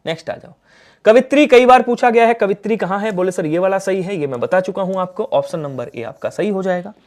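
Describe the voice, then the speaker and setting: A man with a Hindi accent teaching a live online exam-prep class, coaxing the viewers and asking questions that he then answers himself. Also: sits high.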